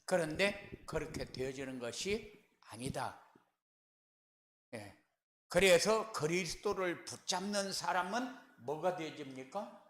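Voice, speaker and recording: A man preaches from the pulpit of a church sanctuary, speaking slowly and deliberately with long pauses between phrases. He poses rhetorical questions and answers them with firm, repeated refrains, pushing louder on the key words. His voice sits a touch high, and the room rings with echo. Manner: emphatic swells in loudness on key words. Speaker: pastor. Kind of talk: sermon.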